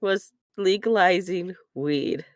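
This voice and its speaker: A young woman chatting on a podcast, giggly and rambling, full of fillers. Her voice is smooth and resonant, and the sound is dry and close. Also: lowish voice, slow, dry recording. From Canada. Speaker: podcast co-host. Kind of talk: casual chat.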